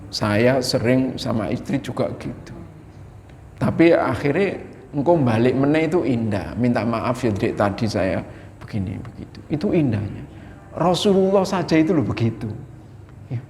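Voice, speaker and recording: Male preacher, slow, chatty sermon delivery, long mosque-hall echo. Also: on the high side, a little hiss or hum. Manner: animated, folksy, addresses the congregation directly.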